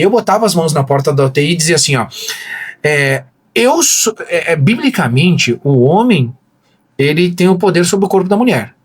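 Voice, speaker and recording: A pastor tells his story with a lot of feeling and acts out the voices in it. His voice sits high and swings widely up and down. The tone is husky. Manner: animated storyteller, acts out quoted dialogue. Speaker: pastor, podcast guest. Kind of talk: emotional testimony in casual conversation.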